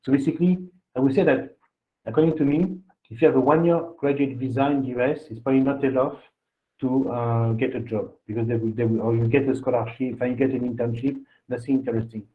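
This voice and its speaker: Man, webinar host, rambling explainer, tinny phone-like sound, mid-pitched voice. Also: steady tone, fast. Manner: rambling, checks in with "okay?" and "huh?". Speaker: admissions consultant hosting a webinar. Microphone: video call. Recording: tinny phone-like call audio.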